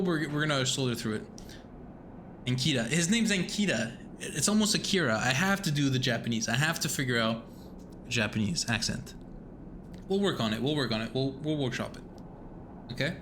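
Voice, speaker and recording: A man streams a game, reading text aloud and rambling with self-mocking humor, cursing occasionally. His animated mid-range voice moves at a normal speed with frequent pauses. Noticeable noise sits beneath this home recording.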